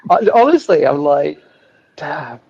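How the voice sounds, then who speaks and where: A man's voice: mid-range voice, moderate pace, vocal fry, slightly rough, lo-fi sound. A man musing as a panelist in a casual online roundtable, speaking conversationally. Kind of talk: casual chat.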